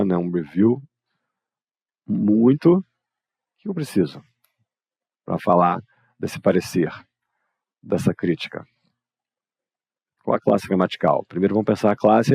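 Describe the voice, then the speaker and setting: A Brazilian man with a low, gravelly voice leads an online English lesson. He explains casually and addresses his students directly. His tone is dark and husky, recorded close and dry. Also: no echo. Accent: Brazilian Portuguese. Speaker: English teacher. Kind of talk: live online grammar lesson.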